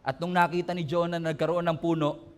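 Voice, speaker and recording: Male pastor with a high voice, animated sermon delivery. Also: fast, clear, resonant tone. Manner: animated preaching, acts out quoted voices, laughs along.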